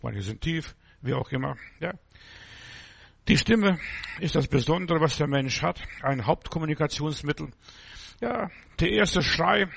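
Gravelly high-voiced male preacher. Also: a bit bright. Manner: slow, emphatic, punctuates phrases with "ja". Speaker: pastor. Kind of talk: sermon.

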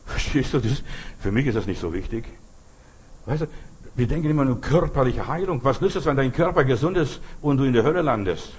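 An older male pastor preaching a sermon, telling a personal story in an animated way and speaking directly to the listener. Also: mid-range voice, brisk, breathy edge.

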